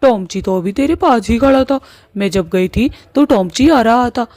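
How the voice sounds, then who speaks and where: A woman's voice: a little high, animated, normal speed, a little mellow, dry recording, close to an everyday voice. A woman voicing a nosy cartoon girlfriend. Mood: curious. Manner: nosy, coaxing. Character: curious female friend of the witch. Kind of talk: cartoon voice acting.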